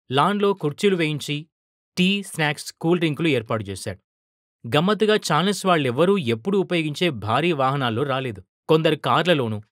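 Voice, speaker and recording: A man narrating a story in a steady, expressive reading voice. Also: on the high side, no room sound, clean studio sound. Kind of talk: scripted narration.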